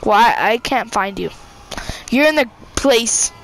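A woman narrates her game for an audience in a casual, giggly way, breaking into excited yelps at other players. Her voice sits high and swoops widely, with a bright edge, though she talks at a slow pace. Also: slight background noise. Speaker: gameplay streamer. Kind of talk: casual gameplay commentary.

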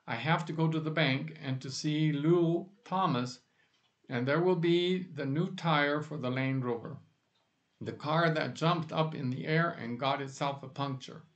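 A man's voice: on the high side, unhurried, muffled recording. A man reading aloud voices a small, precise, dry-humoured uncle.

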